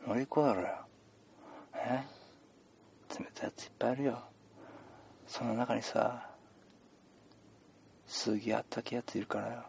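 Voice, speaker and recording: A man's voice: medium pitch, steady tone, moderate pace, gravelly, long pauses, a little hiss or hum, lightly acted. A man playing a punning chatty doctor. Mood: mock-stern. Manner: rambling with puns and gentle scolding. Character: chatty joking male doctor seeing patients. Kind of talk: improvised comedic role-play.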